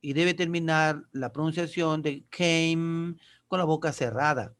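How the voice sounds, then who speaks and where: Speaking a little slowly in a clean, slightly bright voice on the high side, a male teacher works patiently through an explanation. He answers the questions he poses and slips in short check-ins.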